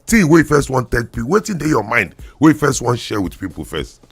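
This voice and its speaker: A man's voice: mid-range voice, sing-song, fast talker, vocal fry, breathy edge, no room sound, soft background music. A Nigerian man hosting a talk show in Nigerian Pidgin mixed with English, with playful, theatrical build-ups. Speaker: radio show host.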